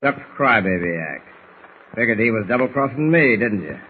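An actor playing a tough, menacing smuggler boss with sneering gangster talk, in 1940s radio acting style. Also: male voice, mid-range voice, lively intonation, moderate pace, close to an everyday voice. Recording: dull noisy old radio recording.

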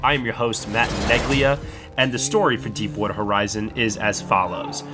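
A man's voice: fairly low pitch, fairly even intonation, normal speed, music in the background. A man hosting a film podcast in a casual, upbeat way, introducing his guests. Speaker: podcast host.

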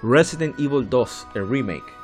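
Man, mid pitch, casual podcast co-host, animated list reader, faint music behind. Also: a little slow. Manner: animated, reads out list entries. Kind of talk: casual chat about video game rankings.

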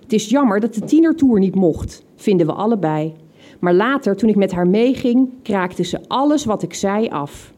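A woman with a soft, mellow voice reads aloud from the diary she kept as a teenager. Her reading is reflective and unhurried, and amused little laughs slip out at her younger self's words. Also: mid-range voice, lively intonation.

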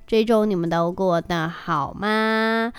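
A chatty woman in her thirties from Taiwan hosts her own podcast. She talks loosely and rambles, with a lot of filler words, at a middle pitch. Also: measured pace, smooth. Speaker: podcast host. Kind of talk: casual chat.

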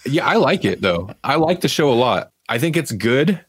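A man co-hosts a podcast reviewing TV series, chatting casually and rambling through opinions with frequent asides. His mid-range voice is sing-song and slightly breathy at a moderate pace, with no room sound.

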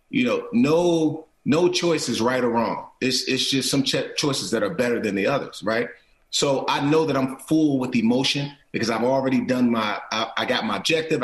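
Poor, reverberant audio captures a medium-pitched male voice. The speaker is a middle-aged actor-producer in a casual interview, speaking earnestly while restarting his phrases and frequently asking "right?"

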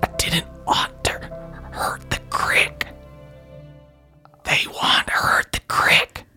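An eerie fungal creature whispers in a thin, breathy hush, as a man voices it for a tabletop game. It drags each phrase out slowly and sadly, and faint music plays underneath. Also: medium pitch, animated, exaggerated voice. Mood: hushed, mournful.

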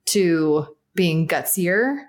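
A woman with a fairly low voice talks as a podcast guest. She is animated and candid, and she laughs often as she tells her story. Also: drawn-out words. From South Florida, United States. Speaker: guest, agency founder. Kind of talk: casual podcast interview.

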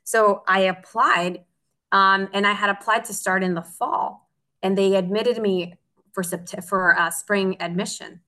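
A Mexican optical engineer, appearing as a guest in a casual interview, tells her story earnestly and from the heart. Her voice is medium-pitched, steady, bright, and forceful, and she speaks a little slowly.

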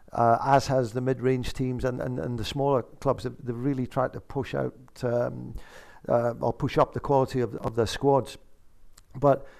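Male football pundit, creaky voice, conversational analysis, hesitant phrasing. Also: medium pitch, darkish tone.

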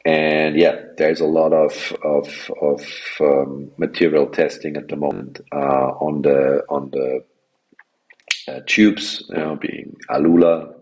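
A man in his forties with an Austrian accent, a wingfoil tour director, is a guest on a podcast interview. His rumbling low voice has a darkish tone, and he talks casually with lots of fillers and restarts over poor audio.

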